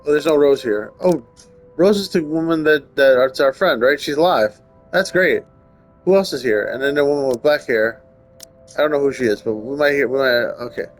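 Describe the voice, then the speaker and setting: In a mid-range voice at normal speed, a gaming video host plays while thinking aloud and reading the story text aloud. Faint music can be heard in the background.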